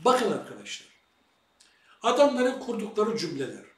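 High, lively man in an echoey room. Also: normal speed. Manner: rhetorical questions addressed to viewers. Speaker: religious commentator. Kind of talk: lecture-style monologue. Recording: echoey room, far from the mic.

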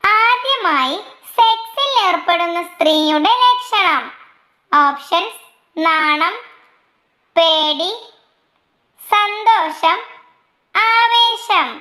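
A woman reading out quiz questions, their options and the answers in a slow, measured way, dropping her pitch for each list of options. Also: lively intonation, pushed and bright, echoey room. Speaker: quiz reader.

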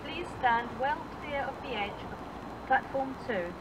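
A woman reading formal platform announcements in a measured, even way, heard over station loudspeakers. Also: high voice. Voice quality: measured, formal, evenly paced. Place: outdoor railway platform. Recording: distant, noisy outdoor platform. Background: passing trains and traffic.

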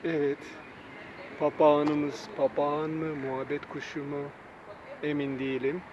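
A man filming a bird in an urban garden, talking slowly and coaxing it over with affectionate words. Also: a little high, monotone. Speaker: nature vlogger. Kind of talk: casual vlog narration. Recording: dull phone audio with outdoor noise.

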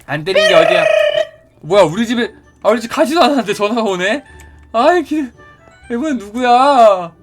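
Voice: mid-range voice, expressive, normal speed, natural voice. An actor playing a timid, gullible bullied schoolkid in a Minecraft skit, stammering and thinking aloud. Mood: grumbling. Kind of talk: acted Minecraft skit dialogue. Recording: music behind the voice.

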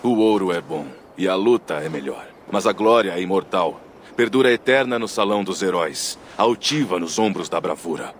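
An actor playing a stoic, honourable and solemn Viking warrior in a video game. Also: male voice, low voice, animated, normal speed, slight background noise. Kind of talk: dramatic video game dialogue.

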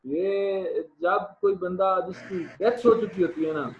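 A man's voice: high-pitched, unhurried, darkish tone. A man teaching an online law class, repeating himself, with his voice breaking up over a bad connection. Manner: repeats himself, addresses students as child. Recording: tinny echoey video call with faint noise.

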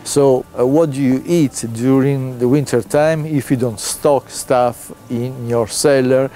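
Slow mellow man. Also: mid-range voice, fairly even intonation. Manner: slow, thoughtful, with fillers. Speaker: food commentator. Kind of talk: interview. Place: outdoor hotel terrace.

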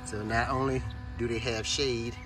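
With a medium-pitched, flat voice at normal speed, a homesteading vlogger casually shows off his backyard chicken setup outdoors in his garden. It's filmed on a handheld phone camera with background noise, and he explains plainly, warmly and step by step for viewers.

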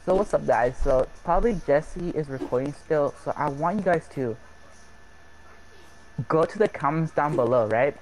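A man's voice: fairly high pitch, expressive, moderate pace, a little mellow, a little hiss or hum, poor audio. A man casually bossing a friend around during a game, teasing and giving orders over a voice call. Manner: bossy, teasing.

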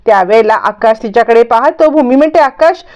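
High-voiced woman recapping a serial. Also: normal speed, darkish tone. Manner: storytelling, repetitive linking phrases. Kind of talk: scripted recap narration. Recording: dull lo-fi recording.

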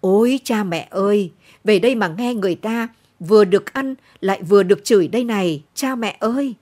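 A woman voicing a fierce, combative older peasant woman who scolds in shrill, loud outbursts. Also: fairly quick, natural voice. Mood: wailing.

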